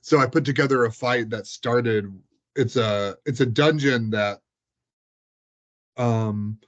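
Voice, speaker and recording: Speaking slowly in a mid-range voice, a man rambles casually about past tabletop game sessions, leaning on "like" as a frequent filler. The sound quality is dull and lo-fi.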